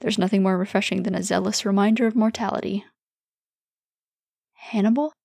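A woman calmly reading fan fiction aloud as the narrator. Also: medium pitch, fast talker, vocal fry, dry recording.

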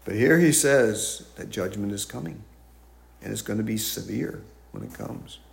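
A man preaching a sermon who reads scripture in old-fashioned wording and grows emphatic and loud on key points. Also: on the low side, animated, normal speed, vocal fry. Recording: echoey room.

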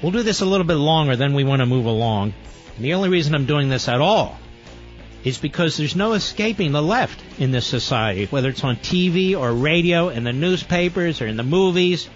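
A man's voice: lively intonation, brisk, muffled recording, soft background music. An American man, a talk radio host, delivering an emphatic infomercial-style read. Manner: emphatic sales pitch, repeating offers and phone number.

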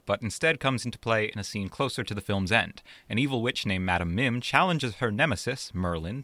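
A man's voice: on the low side, bright, forceful tone, no room sound. A man co-hosting a podcast with scripted narration and dry, teasing banter. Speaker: podcast co-host.

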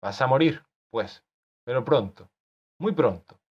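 A man's voice: medium pitch, expressive, unhurried, breathy edge, pitched above the performer's own voice. A man reading an audiobook, voicing an irritable author who scolds the character he created. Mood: exasperated. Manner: exasperated, scolding. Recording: dull lo-fi recording.

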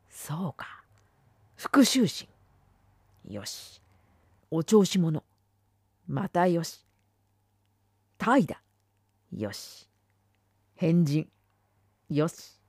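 A woman reading a literary essay aloud, dramatic, swinging between firm declarations and hushed whispers. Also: on the low side, no room sound, studio quality. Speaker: reader.

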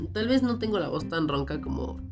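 Woman, Mexican Spanish accent, podcast host, rambling, self-mocking, cold and sore throat, lowish voice. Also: lively intonation, normal speed, creaky, over music. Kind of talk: casual solo podcast chat.

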